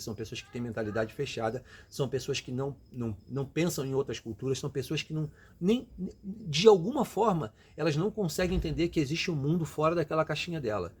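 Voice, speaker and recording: Slightly rough and a little high, this Portuguese-speaking Brazilian's voice delivers casual pep talks aimed right at his audience, urging them on with emphatic advice.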